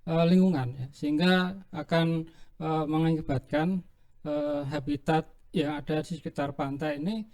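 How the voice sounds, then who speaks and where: A man speaking as a religious teacher guest, answering questions haltingly with frequent fillers and throat clearing. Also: on the high side, rough recording. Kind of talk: interview answers.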